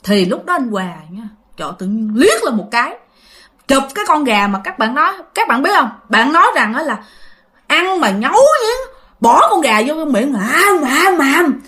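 A woman's voice: high-pitched, sing-song, moderate pace, bright, forceful tone. A woman telling a ghost story casually and animatedly, repeating words for effect and talking straight to her listeners.

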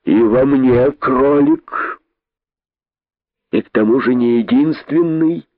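A man voicing a scornful, menacing old python king who talks slowly and hisses his threats. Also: medium pitch, no room sound, pitched above the performer's own voice, close to an everyday voice. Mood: dismissive. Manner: slow, hissing, threatening. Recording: dry tinny phone-like sound.

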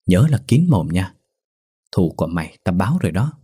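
A man voicing a cheeky, quick-witted young peasant in a folk storybook tale, teasing and mocking. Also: sits low, big pitch swings, mellow, breathy edge, exaggerated voice.

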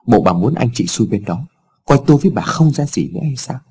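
A man's voice: medium pitch, animated, a little fast, dark tone, slightly rough. A man voicing a stern, scheming wealthy father who talks in curt, scornful commands, in a storybook reading. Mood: harsh.

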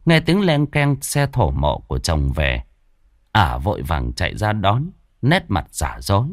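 A man's voice: sits low, measured pace, no room sound, studio quality. A man narrating a scripted horror story in a dramatic manner. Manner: dramatic, lively intonation.

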